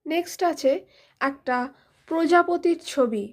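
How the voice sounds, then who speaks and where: A very high-pitched woman, a teacher who hosts the channel, leads a children's English lesson. She talks to the kids directly and warmly, spelling words letter by letter and repeating them slowly.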